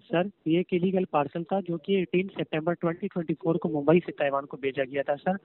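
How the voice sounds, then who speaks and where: This man's voice sits on the high side, with fairly even intonation and a brisk pace. He's a phone scam caller posing as a courier agent, reading formal, repetitive call-centre customer service lines and constantly calling the listener "sir." It comes through a tinny narrowband phone line.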